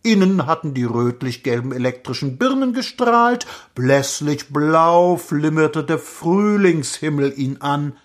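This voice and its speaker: A man reading a satirical fairy tale as an audiobook narrator, in slow, expressive storytelling. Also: on the high side. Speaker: audiobook reader. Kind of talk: scripted narration.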